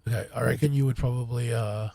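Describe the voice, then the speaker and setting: A man's voice: mid-range voice, fairly even intonation, quick pace, creaky, warm tone, no echo. A man from Chile, co-hosting a podcast in casual chat, joking and swearing with short replies. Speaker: podcast co-host.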